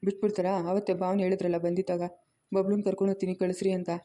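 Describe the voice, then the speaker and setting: A woman's voice: medium pitch, little pitch movement, warm tone, close to an everyday voice. A woman playing a young man who urges his mother to send the boy away, in a homemade family drama. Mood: insistent. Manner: quick, insistent, persuasive.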